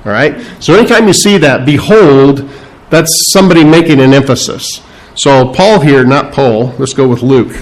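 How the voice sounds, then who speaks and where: A man preaching a sermon in an unscripted, halting way, often restarting his phrases. His pitch sits in the ordinary middle range for a man. He slows down to stress the words he wants remembered. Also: poor audio. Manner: unscripted, halting delivery with many fillers and restarts; explains scripture verse by verse, stressing key words. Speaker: pastor.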